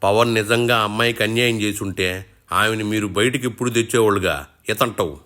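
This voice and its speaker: A man's voice: on the low side, steady tone, fairly quick, pushed and bright, a little hiss or hum. A man hosting a satirical show, teasing and mocking his guest in rustic colloquial speech. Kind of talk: mock interview banter.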